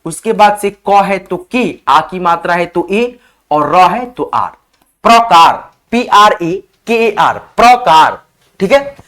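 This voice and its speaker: Man slowly spelling out words letter by letter. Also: high voice, sing-song, fairly bright tone. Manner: slow, spells out letters one by one, addresses viewers as friends. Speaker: teacher. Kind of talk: spelling lesson for viewers.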